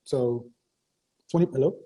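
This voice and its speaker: A man hosts a call-in advice show, bluntly interrogating a caller and interrupting often. His mid-range voice is unhurried, dark, and husky.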